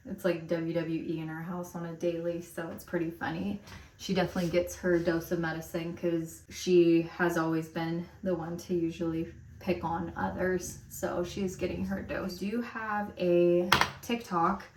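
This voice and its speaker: A woman's voice: lowish voice, little pitch movement, normal speed, darkish tone, slight background noise. A woman in her thirties chatting casually while getting ready, rambling with lots of fillers, recorded at home. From Romania, raised in America. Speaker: lifestyle vlogger. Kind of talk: casual get-ready-with-me chat. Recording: roomy echo, mic at a distance.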